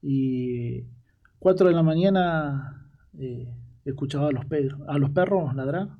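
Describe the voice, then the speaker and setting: Halting man with gravelly voice. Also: a little high, phone-quality sound. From Argentina. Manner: halting, repeats words. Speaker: guest, former ranch hand. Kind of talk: storytelling interview.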